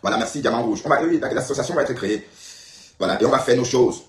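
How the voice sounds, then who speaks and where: A man's voice: medium pitch, expressive, quick pace, slight background noise. A man from Cameroon blogging on a live stream, talking casually and emphatically to viewers and repeating his points. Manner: emphatic, repetitive, addresses viewers directly. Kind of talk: casual live-stream talk replying to comments. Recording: echoey room, faint background ambience.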